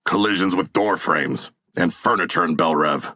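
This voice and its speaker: An actor playing a huge, earnest, literal-minded shark-man warrior in a video game, with a gravelly voice and formal, grandiose phrasing. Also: deep voice, normal speed, sharp tone, no echo, clean studio sound, heavily acted. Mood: earnest, measured. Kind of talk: video game character voice lines.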